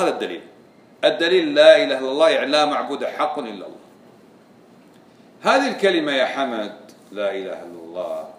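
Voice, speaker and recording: A man's voice: fairly low pitch, distant mic, slight background noise. Man teaching in an echoey room. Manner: quizzing students with repeated questions. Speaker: religious teacher. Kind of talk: classroom religious lesson.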